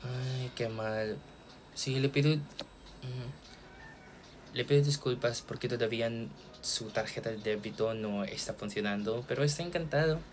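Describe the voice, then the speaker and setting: A man's voice: medium pitch, normal speed, noisy background. A man acting as a bank customer service agent on a call, speaking politely and formally with frequent thanks. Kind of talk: role-played phone support call.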